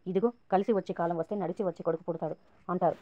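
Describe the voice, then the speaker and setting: A woman's voice: lowish voice, fairly even intonation, racing, lo-fi sound, natural voice. A woman narrator reading the lines of a scheming, sarcastic young woman. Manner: sarcastic and goading.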